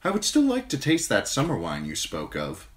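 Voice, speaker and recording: A man voicing a young exiled princess, speaking softly and measuredly with quiet authority. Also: medium pitch, wildly swooping pitch, moderate pace, pitched above the performer's own voice. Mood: gracious. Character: young exiled princess, gentle but commanding woman.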